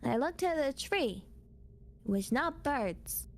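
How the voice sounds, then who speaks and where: Another casual storytelling stream from a female VTuber, cutesy and playful with bits of Japanese mixed in. Her high voice has lively intonation, and she takes her time.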